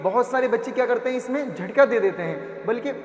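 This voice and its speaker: A man teaching Quran reading, patiently sounding out syllables and asking and answering his own questions, stretching long vowels slowly. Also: very high voice, animated, echoey room, big-room sound, highs cut off. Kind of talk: patient step-by-step phonics lesson.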